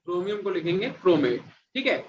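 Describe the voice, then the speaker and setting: Man teacher, fairly high voice, dull lo-fi classroom recording, repeats and quizzes students. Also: big pitch swings, brisk, a little hiss or hum. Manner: repeats and quizzes students, calls them "beta". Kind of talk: classroom chemistry lecture.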